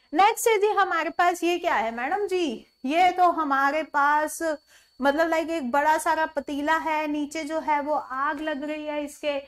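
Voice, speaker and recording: A woman's voice: extremely high pitch, a bit bright. A woman teaching an online vocabulary lesson, mixing Hindi with English words, who keeps asking the viewer questions and then answers them herself.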